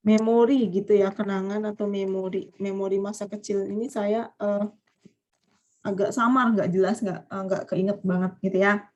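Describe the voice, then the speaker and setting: A woman's voice: mid-range voice, fairly even intonation, normal speed, a little mellow, highs cut off. A woman teaching vocabulary on a video call, patient and explanatory. She keeps asking her students questions and weaves Japanese words into her talk. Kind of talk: online vocabulary lesson.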